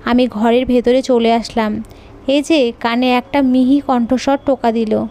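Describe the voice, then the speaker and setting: High-voiced woman narrating a story. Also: fairly even intonation, a little slow, warm tone. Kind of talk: scripted audio story narration.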